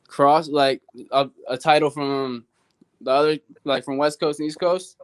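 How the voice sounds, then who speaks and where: A man's voice: fairly high pitch, steady tone, measured pace, clean tone. A man speaking as an amateur fighter, giving casual, plain-spoken interview answers.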